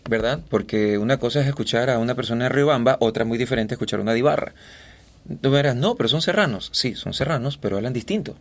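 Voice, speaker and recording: A man's voice: medium pitch, fast talker. Ecuadorian male voice-over guest, chatty. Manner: animated storyteller, many fillers and restarts. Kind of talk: casual interview chat.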